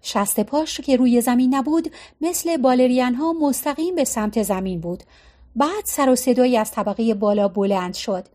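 Narrator: woman, high voice, calm and measured storytelling. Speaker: audiobook narrator.

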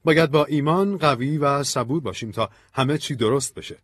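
A man voicing a gentle, mildly reproving young priest in an audiobook story. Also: mid-range voice, slightly rough, dry recording, voice pushed up.

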